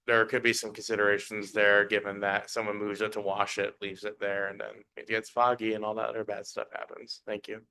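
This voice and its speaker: A man's voice: on the low side, sharp tone, smooth, low-quality recording. A man giving polite, earnest public comment at a council meeting, using many 'like' fillers. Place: council chamber podium.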